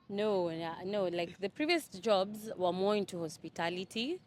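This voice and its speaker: A woman's voice: medium pitch, measured pace, a little mellow. A young woman from Kenya answering interview questions casually, hesitant with many fillers and restarts. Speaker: interview guest. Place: Dubai.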